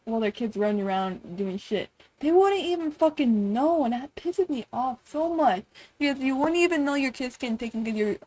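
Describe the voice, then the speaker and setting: A woman's voice: fairly high pitch, darkish tone, rough recording. A woman streamer reacting on a live stream, rambling with lots of "like" and "bro" and frequent swearing.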